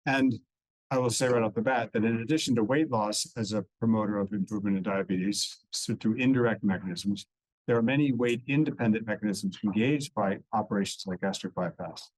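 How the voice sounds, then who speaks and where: A man giving a dense, technical medical lecture at a conference, explaining step by step with relaxed asides. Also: fairly low pitch, brisk, no echo, rough recording. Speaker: conference speaker. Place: conference hall.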